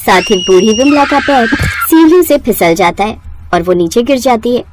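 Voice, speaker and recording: Woman reading a cartoon story, lively up-and-down voice, fairly high. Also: moderate pace, shouting, noisy background. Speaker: narrator. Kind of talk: scripted storybook narration.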